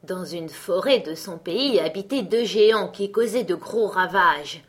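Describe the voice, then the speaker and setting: A woman reading a fairy tale aloud as a storyteller, with lively, dramatic emphasis. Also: lowish voice, unhurried.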